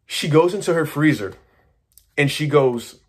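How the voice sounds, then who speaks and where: Excitable man telling a rambling story. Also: fairly high pitch, measured pace, breathy edge. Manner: excitable, rambling, with many fillers and restarts; casual slang and swearing. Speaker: manifestation coach. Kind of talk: casual storytelling monologue.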